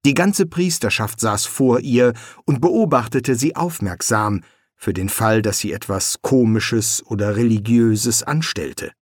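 A man reading an audiobook in a measured, expressive storybook narration. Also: medium pitch, no room sound, studio quality.

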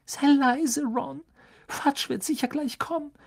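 A man voicing an anxious teenage girl who speaks in a breathless, high, trembling voice in an audiobook. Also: fairly even intonation, takes it slowly, gravelly, heavily acted. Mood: urgent.

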